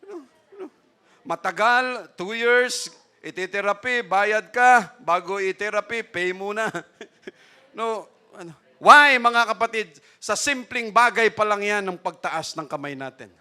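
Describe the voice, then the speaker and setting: A Filipino pastor delivers a sermon in a high, bright, forceful voice, speaking unhurriedly with clean sound. He keeps tagging his points with a questioning "no?" and mixes in chuckling asides and laughs.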